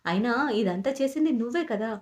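A scheming, resentful young woman, read out by a woman narrator in a serial recap. She talks bitterly and defensively. The voice stays close to the narrator's own, somewhat high voice. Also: lively intonation, brisk, warm tone, natural voice.

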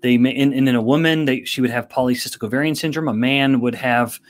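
A man speaking as a guest on a podcast interview. He explains in a measured, careful way at an ordinary pitch. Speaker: guest expert.

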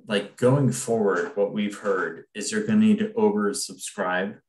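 A man's voice: fairly low pitch, fairly even intonation, a little slow, a little mellow, roomy sound, a little hiss or hum, low-quality recording. A man speaking casually in a video call meeting, thinking aloud and hedging.

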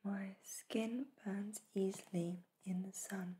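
A woman in a whispered role-play as a spa facial therapist, speaking in a soft, breathy whisper with a gentle, reassuring manner. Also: medium pitch, fairly even intonation, slow pace, a little hiss or hum.

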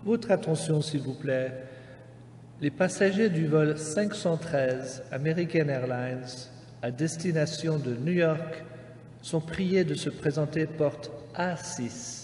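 A man making formal, measured airport announcements over a PA system. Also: a little high, a little mellow. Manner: measured, formal, carefully spaced phrasing. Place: airport terminal. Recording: echoey hall PA with long reverb, faint noise.

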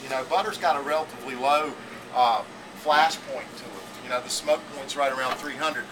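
A man's voice: mid-range voice, a little fast. A man in his forties teaching a school cooking class, rambling and repeating himself, often checking in with "okay?", in a teaching kitchen. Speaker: culinary teacher. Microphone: camera mic from a few feet away. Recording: distant camera audio with air-conditioning hum.

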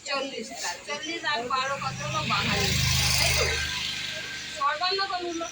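A tuition teacher with a high-pitched voice drills a children's grammar class, firing repeated questions at pupils and echoing their answers. She is animated and speaks at a moderate pace. Sitting far from the mic, she is backed by clearly audible crickets, insects and passing vehicles.

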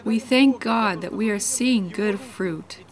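Earnest woman narrating a church voice-over. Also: mid-range voice. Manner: earnest, measured preaching tone. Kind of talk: read church introduction voice-over.

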